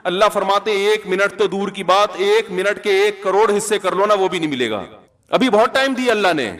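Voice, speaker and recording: A man with a Pakistani Urdu accent delivers a sermon in a loose, conversational way. He pitches his voice high and keeps throwing rhetorical questions at his listeners. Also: a bit bright. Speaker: Islamic preacher.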